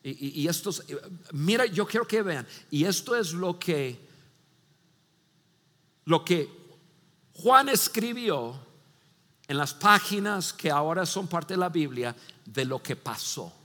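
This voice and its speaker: A male pastor preaching a sermon, telling a story with lively acted-out voices and frequent restarts. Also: a little high, slow pace, long pauses, big-room sound. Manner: animated storytelling, acts out voices, many restarts.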